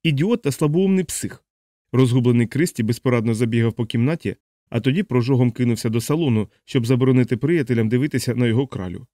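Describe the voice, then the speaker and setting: Male narrator, fast expressive reading, dry close studio sound. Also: mid-range voice, no room sound. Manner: brisk, expressive storytelling. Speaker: audiobook narrator. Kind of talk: scripted narration.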